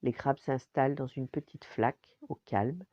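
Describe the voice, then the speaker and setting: Older woman, low, animated bedtime storyteller; dry, slightly dull recording. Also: moderate pace, dry recording. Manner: lively, expressive reading. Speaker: storyteller grandmother.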